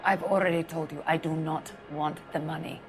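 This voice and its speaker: A woman's voice: deep voice, fairly even intonation, moderate pace, over music, natural voice. An actress playing a determined, composed woman client with a formal, insistent way of talking in a 1940s noir video game. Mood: firm.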